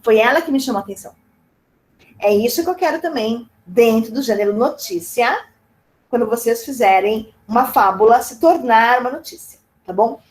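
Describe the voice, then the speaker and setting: A woman's voice: a little high, normal speed, poor audio. A woman teacher, giving a chatty, playful online lecture and often checking in with her students. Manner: chatty, playful, frequent "né?" and "tá bom?" check-ins.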